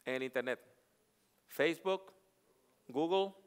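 Emphatic Puerto Rican preacher in a hall. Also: male voice, on the high side, takes it slowly, clean tone. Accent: neutral Latin American Spanish. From Puerto Rico. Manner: emphatic, rhetorical questions to the audience. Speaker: workshop leader and pastor. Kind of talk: preaching workshop lecture. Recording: long reverb of a large hall.

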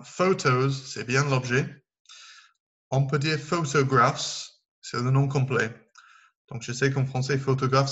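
A man's voice: mid-range voice, fairly bright tone, highs cut off. A man teaching a recorded online English lesson, explaining step by step and counting down aloud for his learners.

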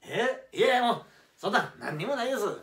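男性が演じる 関西弁の熱狂的なファン. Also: male voice, high voice, fast talker, voice pushed up, exaggerated voice. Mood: eager. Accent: Kansai. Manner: loud, excitable, shouting at times. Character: excitable Kansai laborer fan, man, devoted. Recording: roomy, distant mic.

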